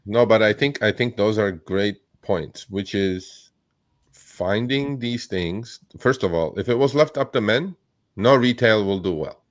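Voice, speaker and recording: A man born in Turkey, hosting a live chat, talking bluntly and with profanity, telling animated stories. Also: on the low side, unhurried, dry recording, clean studio sound. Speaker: host. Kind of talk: casual livestream chat.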